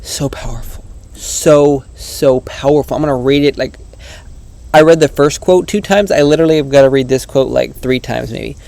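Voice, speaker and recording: A man's voice: medium pitch, moderate pace, creaky, a little mellow. A man giving a casual, earnest book review on his vlog, rambling and often restarting his sentences.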